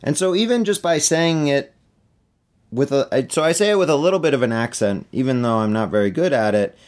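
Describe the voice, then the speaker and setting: A middle-aged man, an author, answering interview questions in a relaxed, chatty way with many fillers. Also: mid-range voice, brisk. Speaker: author on book tour.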